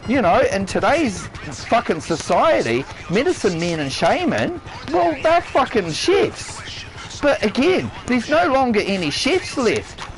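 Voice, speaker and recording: A man's voice: sits high, low-quality recording. A man who works as a chef, ranting on a live stream in a blunt, heavily profane, emphatic way. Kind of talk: ranting livestream monologue. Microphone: console headset or stream mic.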